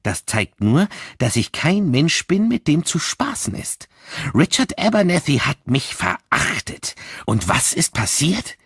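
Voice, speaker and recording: A man reads as an agitated young man, bitter and self-satisfied, on the edge of hysteria. His pitch jumps up and down, with a husky rasp. The storybook reading is close and dry. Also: very animated, a little slow, a bit bright, no echo, exaggerated voice. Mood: agitated, spiteful.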